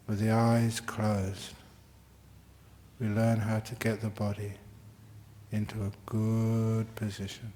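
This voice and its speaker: Low-voiced man leading a slow guided meditation. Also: mellow, a little hiss or hum. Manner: slow, unhurried instruction with long pauses. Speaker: meditation teacher.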